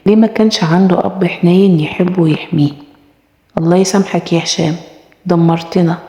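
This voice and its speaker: A woman's voice: lowish voice, fairly even intonation, a little fast, dark tone. Egyptian woman narrating a story, echoey. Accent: Egyptian Arabic. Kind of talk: first-person story narration. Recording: echoey room with long reverb.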